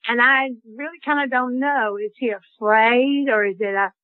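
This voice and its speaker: A woman phoning in to a radio show as a caller, speaking haltingly with many pauses and fillers over a phone line. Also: a little high, no echo. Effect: phone-in caller heard over a phone line. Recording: tinny dry phone line.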